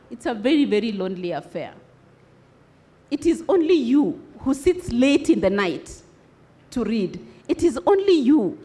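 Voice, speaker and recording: A woman's voice: a little high, a little mellow. A woman giving a motivational speech to students at a congress, asking rhetorical questions and repeating key words for emphasis. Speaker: motivational speaker. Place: conference hall.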